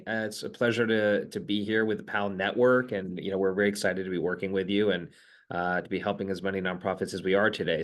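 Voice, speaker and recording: A man with a fairly low voice talks quickly and emphatically as an interview guest. He pads his answers with filler sounds while laying out facts and figures. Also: fairly bright tone. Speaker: company founder, interview guest.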